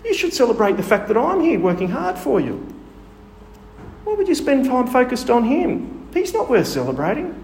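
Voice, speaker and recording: Bitter older son, indignant and loud, put on by a preacher; slightly gravelly. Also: male voice, very high voice, huge pitch swings, moderate pace, echoey room, big-room sound, slight background noise, voice pushed up, full character voice. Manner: indignant, raised voice. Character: resentful older son, young man, bitter.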